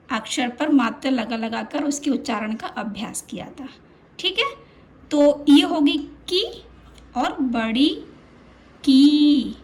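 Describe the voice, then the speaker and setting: A woman teaches a children's lesson in a high voice. She speaks slowly and patiently, stretching and repeating each sound so it sinks in.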